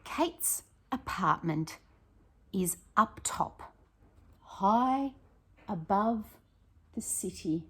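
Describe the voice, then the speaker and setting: A woman with a slightly husky, medium-pitched voice reads a picture book to children very slowly, leaving long pauses. She's a primary school teacher, reading expressively and nudging her listeners with questions.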